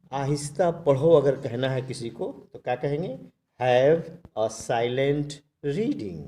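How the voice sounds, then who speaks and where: Male English teacher, very slow and careful, mellow dark tone, spells words out. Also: medium pitch. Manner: says English phrases very slowly, then explains in Hindi; calm, even speaking voice. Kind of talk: spoken English lesson.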